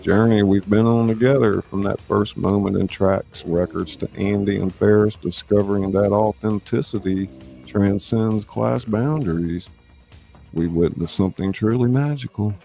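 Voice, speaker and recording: A man with a fairly low, mellow voice and vocal fry hosts a live reading. He talks folksily with lots of "y'all," shifting between scripted narration and warm-up and sign-off chat.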